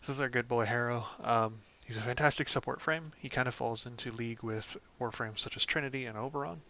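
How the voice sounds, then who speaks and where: A man hosting a casual game guide, talking through a character build in a relaxed way, with frequent "um"s and "of course"s. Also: mid-range voice, fairly quick. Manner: relaxed, lots of ums and "of course". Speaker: gaming channel host.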